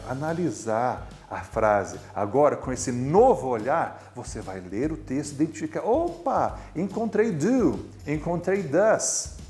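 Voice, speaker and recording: A man's voice: medium pitch, a little mellow. A man with a Brazilian Portuguese accent teaching English grammar in a recorded video lesson, patient and explanatory, drawing out words for emphasis.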